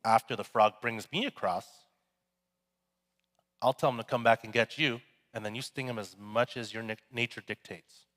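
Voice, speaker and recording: A man's voice: medium pitch, normal speed, a bit bright, close to an everyday voice. A preacher voicing a cunning male snake in a fable, in a storytelling manner. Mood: scheming. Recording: echoey hall.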